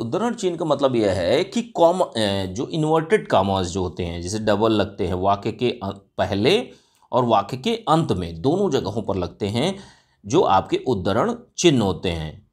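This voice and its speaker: A male teacher giving an exam-prep lecture, explaining step by step and often asking and answering his own questions, with frequent fillers. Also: mid-range voice. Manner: frequent fillers and self-corrections.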